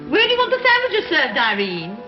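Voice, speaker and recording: An actress playing a scatterbrained, bossy middle-aged society matron in 1930s screwball comedy banter. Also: female voice, very high voice, huge pitch swings, a little fast, muffled recording, full character voice. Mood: flighty chiding. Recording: band-limited 1930s film soundtrack, music, party chatter.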